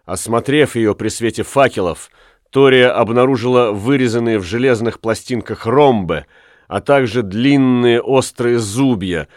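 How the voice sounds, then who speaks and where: A man's voice: mid-range voice, dry recording, studio quality. A man narrating a folk tale audiobook with dramatic storytelling.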